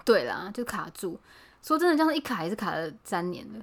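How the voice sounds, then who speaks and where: A woman's voice: mid-range voice, sing-song, fairly quick. A woman chatting casually as a co-host, telling a story with animation and frequent laughter. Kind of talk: casual chat.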